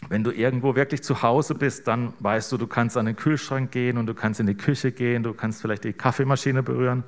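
A man's voice: medium pitch, steady tone, fairly quick. A middle-aged man preaching a conversational sermon, chatty and informal, often ending phrases with a questioning tag to the congregation. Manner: casual, keeps adding "ne?" to draw in listeners.

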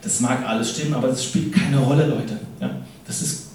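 A man's voice: medium pitch, steady tone, fairly quick, darkish tone, a little hiss or hum. Guy preaching, chatty, says "ne?" all the time, mic far off, big echoey hall. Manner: conversational, keeps adding "ne?". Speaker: pastor. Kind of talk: sermon. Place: church hall.

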